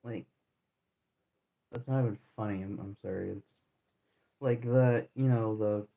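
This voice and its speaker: Fairly low, steady and gravelly, this twentysomething man's voice moves at a measured pace as he streams a game. He chats easily with viewers, rambling with lots of slang and restarts, over tinny phone-like audio.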